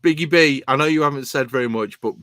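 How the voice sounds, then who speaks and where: A man's voice: medium pitch, fast, a bit bright, no echo. A man hosting a podcast live, signing off in a boisterous, rambling, sweary way. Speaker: podcast host. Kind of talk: casual chat, sweary sign-off.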